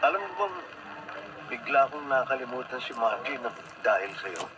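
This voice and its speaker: Hopeful and wooing, a young male student in a radio drama pleads persistently, lovestruck and dramatic, played by an actor with a Filipino accent. The medium-pitched voice is sing-song, lightly acted and at a moderate pace, on a very noisy radio broadcast.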